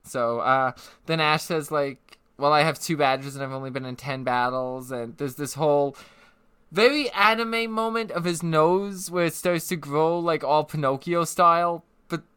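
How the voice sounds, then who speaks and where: A man's voice: on the high side, moderate pace, smooth, no room sound. A man co-hosting a podcast, casually recapping a cartoon episode with lots of fillers and frequent laughter. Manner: laughs often, animated, filler-heavy. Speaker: podcast co-host. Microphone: headset.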